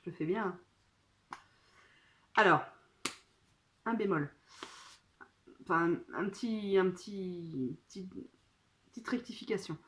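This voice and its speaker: A woman's voice: fairly low pitch, slow, long pauses, fairly bright tone. A woman chatting casually to her phone during an unboxing, talking in a hesitant way full of fillers. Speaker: vlogger. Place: at home.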